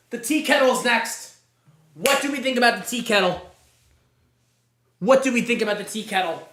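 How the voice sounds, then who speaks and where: With a noisy background and an echoey room around him, a livestream host delivers hyped tier-list commentary in an extremely high-pitched voice. He leans into a mock sportscaster act and keeps repeating his catchphrases.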